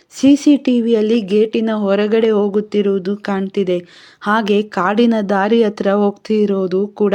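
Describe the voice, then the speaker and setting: A woman's voice: medium pitch, dark tone, natural voice. A woman doing a worried hostel warden. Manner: urgent, reporting bad news. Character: worried middle-aged female hostel warden.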